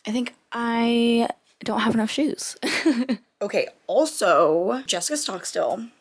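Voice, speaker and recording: A woman's voice: on the high side, slow pace. A young woman talking casually to her vlog audience, recorded indoors at home. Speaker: vlogger.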